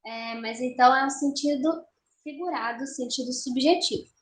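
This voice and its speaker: A young woman teaching an online literature lesson, explaining patiently and slowing down to count syllables aloud. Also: sits high, slight background noise. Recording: roomy echo.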